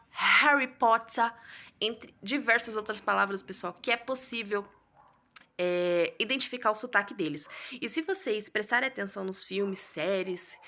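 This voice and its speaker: Bright-voiced Brazilian woman teaching. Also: medium pitch. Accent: Brazilian Portuguese. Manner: didactic, keeps addressing viewers with tag questions. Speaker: English teacher. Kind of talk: online video lesson.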